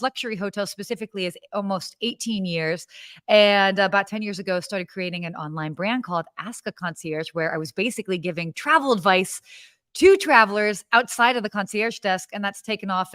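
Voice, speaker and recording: In a studio-quality recording with no room sound, a podcast co-host in her thirties from the United States keeps the live hospitality show chat bubbly and casual. Her mid-range, fairly bright voice is full of fillers and restarts.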